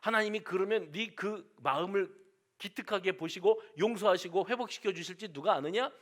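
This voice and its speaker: A man's voice: high-pitched, moderate pace, fairly bright tone. A man preaching voices accusing friends who bluntly press a sufferer to confess. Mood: pushy. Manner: blunt, pushy.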